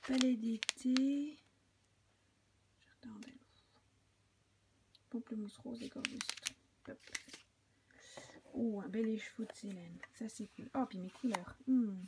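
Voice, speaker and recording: A woman's voice: on the high side, measured pace, noisy background. A middle-aged French woman hosting a podcast, chatting casually as she unboxes a parcel, often half-whispering and gushing. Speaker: podcast host.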